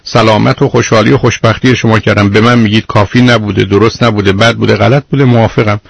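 Blunt husky-voiced male radio host. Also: on the low side, steady tone, no echo. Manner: blunt, lecturing, interrupts the caller. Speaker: radio call-in advice host. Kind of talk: radio call-in counseling.

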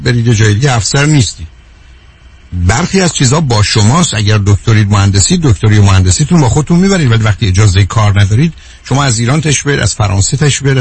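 Husky-voiced Iranian man lecturing on radio. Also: mid-range voice. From Iran. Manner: emphatic, lecturing with rhetorical questions. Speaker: radio show speaker. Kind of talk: radio talk show monologue.

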